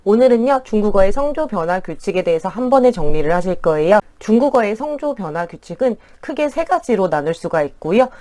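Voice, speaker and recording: A woman teaching an online language lesson in a friendly, polite explaining tone, slowly drawing out words as pronunciation models. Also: medium pitch, big pitch swings, mellow.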